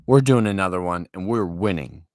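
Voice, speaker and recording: A man's voice: sits low, expressive, brisk, a little mellow, dry recording, studio quality. A young man commentating his own online chess games, swinging between panic and self-hype with self-deprecating jokes. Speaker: chess streamer.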